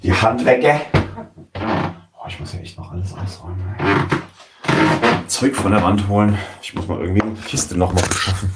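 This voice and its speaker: With loud music behind him, a man with a low-pitched voice gives casual gameplay commentary at a normal speed, leaving long pauses. The let's play commentator rambles, mutters to himself and swears occasionally, and the roomy, distant mic catches plenty of background noise.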